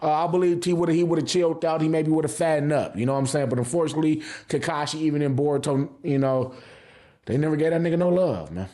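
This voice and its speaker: A fast-talking man with a dark tone and a voice on the high side hosts a laid-back anime review. He hypes it up with heavy slang and profanity, repeating phrases for emphasis.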